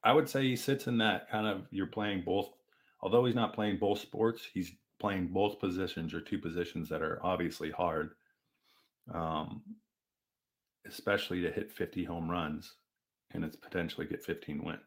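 A man co-hosting a podcast, chatting casually about sports with lively restarts. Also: low voice. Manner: animated, fast back-and-forth with restarts. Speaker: podcast co-host.

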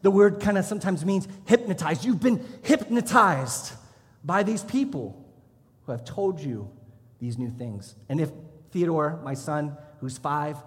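A man in his thirties, a pastor preaching a sermon, telling stories and now and then shouting as he acts out a drill instructor. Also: on the high side, lively intonation, measured pace. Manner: storytelling, shouts when acting out a drill instructor. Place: church hall. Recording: long hall reverb.

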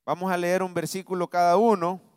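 A man's voice: high voice, level tone, brisk, clear, resonant tone, no echo, studio quality. A man preaching a sermon to his congregation, reading verses aloud and calling on them to respond. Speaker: pastor. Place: church.

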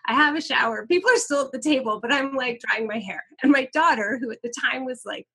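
Middle-aged woman, podcast guest, candid storytelling, bright tense tone, slightly high voice. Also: fast talker, slightly rough. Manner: animated, frequent filler "like", swears freely.

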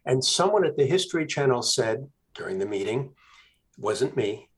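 A man, a guest author, telling a story in a casual interview, with animated emphasis. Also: medium pitch, moderate pace.

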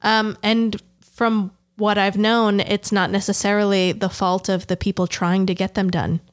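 A woman's voice: medium pitch, flat delivery, a little slow, smooth. Giggly woman co-host with hiccups. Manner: giggly, easygoing banter. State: has the hiccups. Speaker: podcast co-host. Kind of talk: casual chat.

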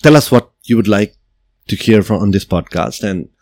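Middle-aged male podcast host, lowish voice, dry close sound, thoughtful explainer. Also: normal speed, a little mellow, no room sound. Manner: reflective, explanatory, frequent "right?" and "you know". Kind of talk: solo podcast monologue.

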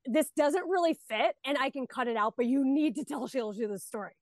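A woman hosts a casual podcast, chatting in a bubbly, expressive way. Her voice is high, and the recording is dry. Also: fairly quick, no echo. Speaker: podcast host.

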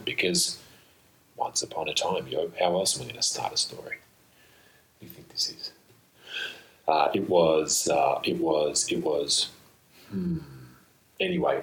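A man with a deep voice talks to himself as a podcast host, thinking aloud in a loose and playful way. His phrasing is slangy and wandering. The sound is roomy, picked up by a laptop's built-in microphone rather than a proper studio one. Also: a bit bright. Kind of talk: rambling, playful solo monologue. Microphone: built-in laptop microphone, mistakenly used instead of studio microphone.

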